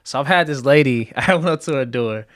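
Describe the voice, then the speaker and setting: A man's voice: mid-range voice, brisk, no echo, studio quality. Easygoing man in his twenties hosting. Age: 20s. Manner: relaxed, easygoing, affirming with mm-hmms. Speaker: podcast host. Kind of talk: casual interview chat.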